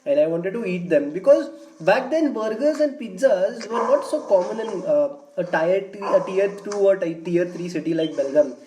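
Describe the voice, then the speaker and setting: A man's voice: high voice, expressive, moderate pace, hardly any pauses. A man, chatting nostalgically on a video call with lots of fillers. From North Karnataka, India. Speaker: panel guest. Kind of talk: casual group conversation. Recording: echoey room with noise behind.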